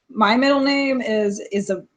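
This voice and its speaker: A woman's voice: on the high side, fairly bright tone. A young woman hosting a casual live stream, reading viewer questions and answering in a plain-spoken way, often laughing.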